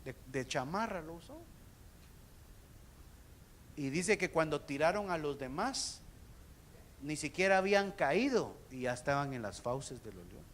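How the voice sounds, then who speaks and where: A man, a pastor, preaching a sermon and speaking straight to the congregation, with sudden shouted peaks. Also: a little high, sing-song, unhurried, pauses often, a little hiss or hum. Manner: addresses the congregation directly.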